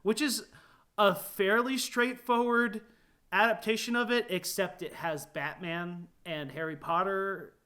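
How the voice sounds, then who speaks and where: A man who is a guest animator on a podcast, talking in a casual, animated way with frequent laughs and filler words. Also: high-pitched, unhurried, slight background noise. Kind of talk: casual chat.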